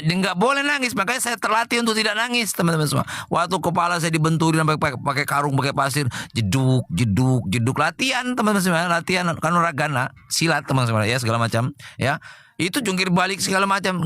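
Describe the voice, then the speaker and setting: High, bright-voiced man giving testimony. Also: no echo. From Jambi, Indonesia. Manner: animated, keeps addressing listeners as friends. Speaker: testimony speaker at a church. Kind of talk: emotional personal testimony.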